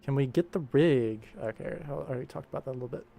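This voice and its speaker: Quick-paced and dark-toned, this man's mid-range voice carries vocal fry. He's an animation director hosting a livestream, chatting casually as he works with a wry, tongue-in-cheek wit over background music.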